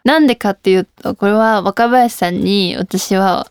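A woman's voice: mid-range voice, normal speed, a little hiss or hum. A young woman hosting a casual radio talk show, reading listener mail and joking about herself with frequent laughs. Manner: playful, self-mocking, laughs often.

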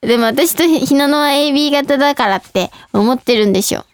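Giggly young woman with a high voice. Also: fast talker, no room sound, studio quality. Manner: giggly, bubbly, often laughing. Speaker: radio host reading listener mail. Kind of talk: casual radio chat.

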